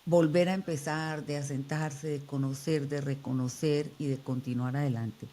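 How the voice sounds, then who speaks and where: A woman hosting a podcast interview, introducing her guest in a measured, emphatic way. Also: deep voice, fairly even intonation, warm tone. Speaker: podcast host.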